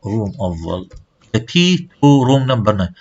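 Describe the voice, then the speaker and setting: A man's voice: on the low side, very animated, slow pace, a little mellow. Man, language lecturer, explanatory classroom delivery, muffled lo-fi sound. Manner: explains with examples, switches between languages. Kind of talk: classroom lecture mixing Arabic and English.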